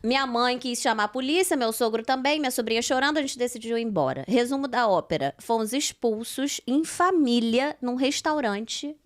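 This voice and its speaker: A Brazilian woman podcast host with a Brazilian Portuguese accent, telling a story in a lively, dramatic way with quick asides. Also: a little high. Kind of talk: animated storytelling chat.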